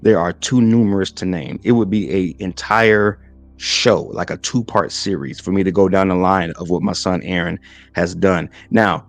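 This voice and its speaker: A man's voice: low-pitched, fairly even intonation, moderate pace, no room sound. A man in his forties hosting a podcast, giving a motivational faith talk and often checking in with "right?" as he builds lists. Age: 40s. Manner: repeats "right?" and stacks lists in threes. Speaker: podcast host and minister.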